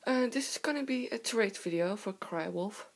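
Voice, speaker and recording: A young woman with a hoarse, sore-throat voice from a cold, chatting casually in a halting, giggly way as she hosts a show-and-tell vlog. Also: medium pitch, lively intonation. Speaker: video host. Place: indoor room with wooden floor. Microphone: handheld camera close by.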